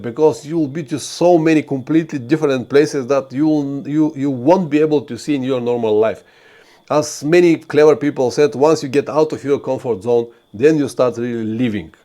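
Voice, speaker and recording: With a somewhat high, darkish voice, a Bulgarian man runs a live stream for his motorcycle travel channel. He addresses viewers with earnest advice, frequently restarting and filling pauses.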